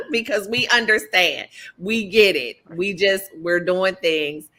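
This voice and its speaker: A woman hosting a casual relationship podcast, emphatic and animated, with features. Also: mid-range voice, very slow, breathy edge. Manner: animated, emphatic, laughs often. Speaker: podcast host. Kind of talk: casual panel chat.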